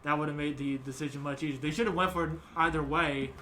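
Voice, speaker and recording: A man's voice: on the high side, steady tone, fast talker, sharp tone, a little hiss or hum. A young man hosting a casual sports chat, rambling with many fillers and restarts. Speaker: podcast host.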